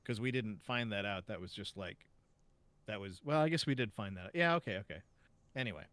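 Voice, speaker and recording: Low-voiced man musing over game clues. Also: fairly quick, no echo. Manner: relaxed, thinking aloud with fillers. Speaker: game co-player. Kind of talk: casual chat while playing a game.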